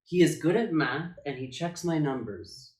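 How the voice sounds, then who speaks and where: A man reading a children's picture book aloud as a drag storytime reader, with theatrical, emphatic phrasing and dramatic pauses. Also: a little high, darkish tone. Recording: echoey room.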